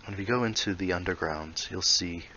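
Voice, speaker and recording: A male VR building tutorial creator talks briskly in a low-pitched, sharp-toned voice, casually explaining his building in a VR game while thinking aloud and muttering asides. The highs are cut off, with slight background noise.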